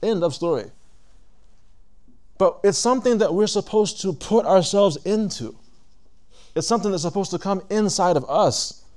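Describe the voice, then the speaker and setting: With a high-sitting, darkish voice and lively intonation, a man gives a reflective religious talk to a live audience. He keeps it conversational and deliberate, questioning his listeners and pausing to put things another way.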